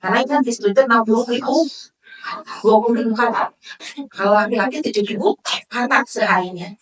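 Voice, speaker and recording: A high-pitched woman talks about marriage at a religious study session. She brings her stories to life by acting out wives and husbands. Her voice rings around a large room and sits some distance from the microphone. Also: fairly quick. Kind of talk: lively marriage talk to a live audience. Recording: echoey hall, voice from far off.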